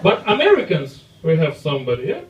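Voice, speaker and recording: A man in his thirties with a Russian accent doing a live stand-up set, with a halting, apologetic delivery full of fillers. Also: a little high, wildly swooping pitch, muffled recording. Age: 30s. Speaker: stand-up comedian. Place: comedy club stage. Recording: roomy live club, far mic, loud crowd laughter.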